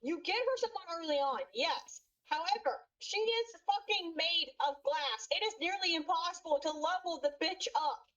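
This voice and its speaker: High-pitched blunt woman on a dull mic. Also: normal speed, hardly any pauses, a bit bright. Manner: opinionated, blunt, swears freely. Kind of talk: casual gaming chat.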